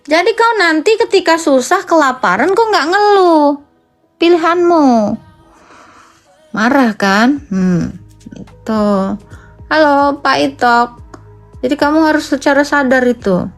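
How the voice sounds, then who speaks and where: Super high-pitched lady apologist scolding folks on a stream, faint music behind. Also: lively intonation, slow, pauses often. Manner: scolding, blunt, addresses listeners as Pak and kau. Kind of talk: live-stream preaching and debate.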